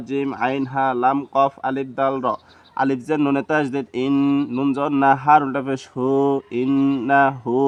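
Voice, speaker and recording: A man's voice: medium pitch, clear, resonant tone, dry recording, highs cut off. A man teaching Quran reading, spelling out letters and syllables one by one in a rhythmic, repetitive drill with a Bangladeshi Bengali accent.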